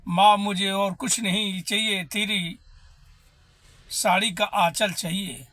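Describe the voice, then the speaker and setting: A man's voice: sits high, steady tone, slow pace, sharp tone, dry recording, exaggerated voice. A man voicing a devoted young yogi in a devotional story, speaking earnestly and firmly.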